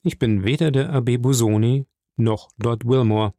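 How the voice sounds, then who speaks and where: A man voicing a stern, solemn nobleman who speaks slowly and gravely. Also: medium pitch, steady tone, mellow, dry recording, studio quality, natural voice. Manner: slow, grave, measured.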